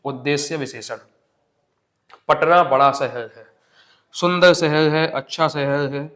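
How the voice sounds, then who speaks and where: A man's voice: a little high, steady tone, slow, a bit bright. A man teaching an exam-prep grammar lesson step by step, asking questions and answering them himself.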